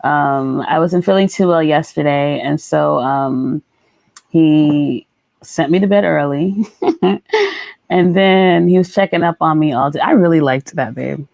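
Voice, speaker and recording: Female co-host, very low and gravelly voice, relaxed storyteller. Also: measured pace, no echo. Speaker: podcast co-host. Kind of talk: casual chat on a live show. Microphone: studio microphone.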